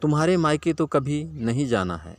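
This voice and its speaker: A man's voice: fairly high pitch, sing-song, normal speed, dry recording, pitched above the performer's own voice. A man voicing a lazy, gluttonous fat village man who scolds and grumbles at everyone. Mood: grumbling, bossy.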